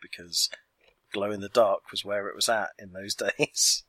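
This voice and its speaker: A man's voice: lowish voice, steady tone, measured pace, a bit bright, slightly rough, no echo. A man co-hosting a podcast, chatting casually and enthusiastically. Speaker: podcast co-host. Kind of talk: casual chat.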